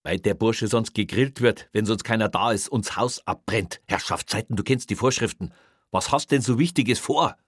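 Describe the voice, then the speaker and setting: Audiobook: narrator as a gruff station chief, blunt and fatherly, low husky voice. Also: fairly even intonation, moderate pace, no echo, clean studio sound. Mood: exasperated. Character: gruff middle-aged male police chief.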